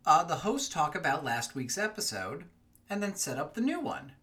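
A man's voice: on the high side, sing-song, moderate pace, sharp tone. A man co-hosting a fiction podcast, chatting casually with many fillers. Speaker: podcast co-host.

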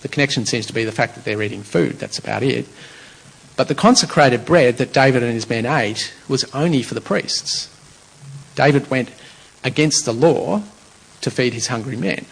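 Gravelly-voiced man preaching a sermon. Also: medium pitch, normal speed, low-quality recording. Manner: conversational, explanatory, with restarts.

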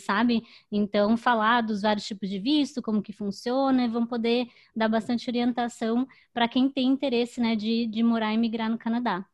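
A woman co-hosting a podcast, chatty and explaining at length. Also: a little high. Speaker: podcast co-host. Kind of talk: casual podcast chat.

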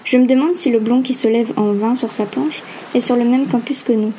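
A woman narrating a first-person novel aloud in an even, steady reading. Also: fairly high pitch, fairly quick, slight background noise. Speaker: audiobook narrator.

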